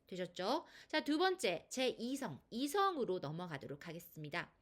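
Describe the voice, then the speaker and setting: A woman's voice: medium pitch, very animated, moderate pace. A woman teaching a Chinese pronunciation lesson, explaining patiently and asking the viewer rhetorical questions. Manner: sings out long held vowels in demonstrations.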